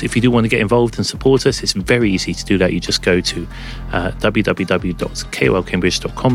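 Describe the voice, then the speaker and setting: A man's voice: deep voice, gravelly, fairly bright tone. A man presenting a music podcast in a casual, enthusiastic but rambling way, recorded at home under a blanket. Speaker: podcast host and DJ.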